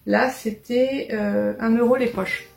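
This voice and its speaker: Woman, book vlogger, casual and hesitant, gravelly touch, roomy echo. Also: a little high, steady tone, slow, darkish tone, soft background music. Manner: chatty, hesitant, many fillers and restarts. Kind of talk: casual book haul chat.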